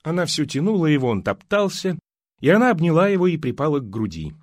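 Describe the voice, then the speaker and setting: A man narrating an audiobook in an expressive, dramatic reading. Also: on the high side, fast talker, no echo, clean studio sound.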